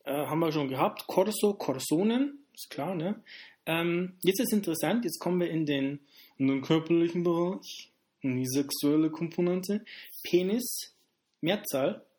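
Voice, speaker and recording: Man joking through a mock lesson. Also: a little high. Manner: playful deadpan joking with asides. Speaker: comedic host.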